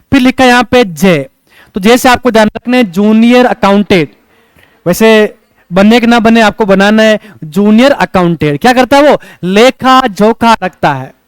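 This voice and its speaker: A man's voice: sits high, smooth, no room sound. A male coaching teacher, lecturing a class and checking in with rhetorical questions as he teaches memory tricks.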